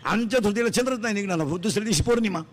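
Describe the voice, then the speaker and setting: A man preaching a comic devotional sermon on a pandal stage into a microphone. He declaims loudly and quizzes the crowd for quick answers. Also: sits high. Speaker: kirtan preacher.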